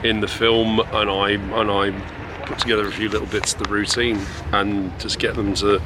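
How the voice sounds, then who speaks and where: A man's voice: fairly low pitch, flat delivery, normal speed. A man who works as an actor and instructor, chatting casually in an interview. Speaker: film actor and lightsaber instructor being interviewed. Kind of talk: casual chat. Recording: clear urban background noise.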